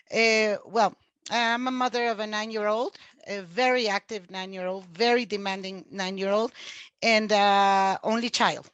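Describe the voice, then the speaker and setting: Guest: chatty woman teacher from Mexico, forties, raised pitch, dry close sound. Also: fairly bright tone, dry recording. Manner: talkative, many fillers and restarts. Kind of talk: casual interview talk.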